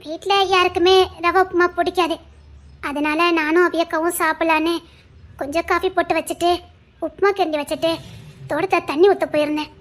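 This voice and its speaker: A woman's voice: very high-pitched, steady tone, brisk. A woman acting a frightened young wife who pleads tearfully with her husband in a family drama. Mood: worried.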